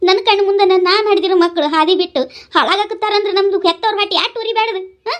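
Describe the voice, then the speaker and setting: Woman voicing an old widowed mother, North Karnataka Kannada accent, very high pitch, tearful scolding, cartoon. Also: rapid-fire, close to an everyday voice. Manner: nagging, pleading, tearful. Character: older village mother, widowed, scolding her drinking son.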